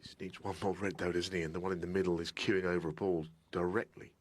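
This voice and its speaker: A man giving hushed, conversational live snooker commentary in a measured, analytical manner. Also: low-pitched, flat delivery.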